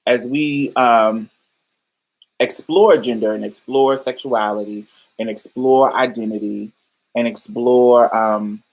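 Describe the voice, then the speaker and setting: On a rough recording, a woman with a dark-toned bass voice hosts a casual livestream podcast. Talking to her listeners, she explains ideas thoughtfully and loosely, with plenty of fillers and false starts.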